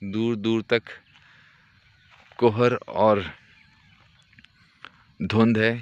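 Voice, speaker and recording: A man gives calm, devout, descriptive commentary while walking a foggy rural track, filming on a handheld phone. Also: fairly low pitch, very slow, lo-fi sound.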